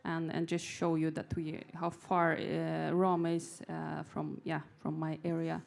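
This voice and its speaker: A woman presents at a conference in a slightly low voice. She speaks haltingly, stopping for fillers and restarting phrases. Her manner stays friendly and open throughout. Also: completely flat delivery, gravelly, darkish tone. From Yakutia, Russia.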